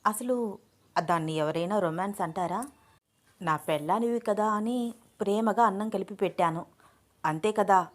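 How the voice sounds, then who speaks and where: A woman's voice: mid-range voice, normal speed, pauses often, lightly acted. A woman reading a romance story aloud, voicing a playful young husband who teases his new wife affectionately. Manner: teasing, affectionate.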